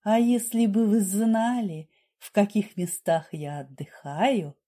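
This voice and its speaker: A woman reading aloud voices a composed young secretary who answers calmly and slyly. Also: medium pitch, slow. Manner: calm, sly. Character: composed young female secretary, quick-witted.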